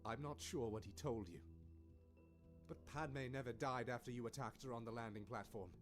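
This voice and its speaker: A man voicing a calm, sorrowful older Jedi mentor who speaks softly to his former student. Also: mid-range voice, moderate pace, faint music behind, natural voice.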